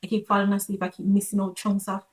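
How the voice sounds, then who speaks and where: Young female vlogger, conversational storyteller, medium-pitched voice, casual delivery, roomy reverberant sound. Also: monotone, fast talker. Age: young adult. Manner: conversational, acts out quoted remarks. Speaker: vlogger telling a personal story.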